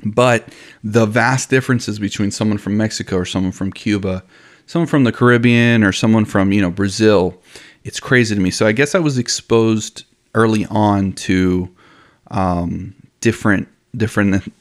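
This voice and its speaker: This young podcast co-host is from Miami, with family from Honduras, and keeps the chat laid-back, laughing easily and saying "dude" and "you know" often. His lowish voice is steady and moves at a moderate pace.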